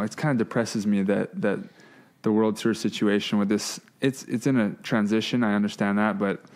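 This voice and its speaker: A man hosting a sports podcast, with a low, gravelly voice. He talks in a relaxed way, with plenty of quick yeahs while others talk. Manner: relaxed, back-channels a lot. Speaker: podcast host and player. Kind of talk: casual chat.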